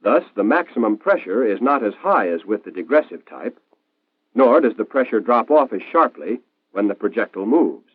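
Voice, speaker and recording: Heard on a thin, narrow-band vintage film track, an American male narrator gives clear 1940s-style instruction, his intonation bouncing up and down with energy. He speaks at normal speed, and the audio is dry with no room sound.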